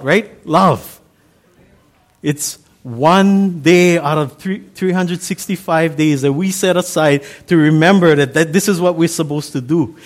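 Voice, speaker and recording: With a somewhat high voice and a Hawaiian accent, this middle-aged pastor, a native Pidgin speaker from Hawaii, gives a sermon. His delivery is laid-back, talkative and homespun.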